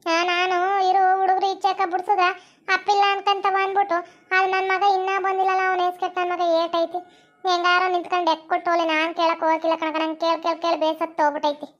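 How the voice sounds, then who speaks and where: A woman's voice: extremely high pitch, completely flat delivery, fast talker, highs cut off, pitched below the performer's own voice. A woman voicing a tired village woman who complains wearily about her son, with a North Karnataka Kannada accent. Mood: weary.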